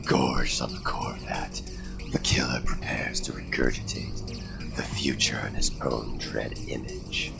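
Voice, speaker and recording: Super low gravelly whisper for a creepy killer bird, slow and dragging, loud music behind. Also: male voice, flat delivery, heavily acted. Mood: menacing whisper. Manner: slow, breathy, distinct cadence. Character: sinister whispering male killer bird creature.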